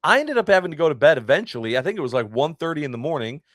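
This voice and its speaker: A man's voice: very animated, very fast, fairly bright tone, no echo, clean studio sound. A young man co-hosting a sports podcast, telling stories in exasperated casual chat. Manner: exasperated storytelling, swings up in pitch. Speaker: podcast co-host.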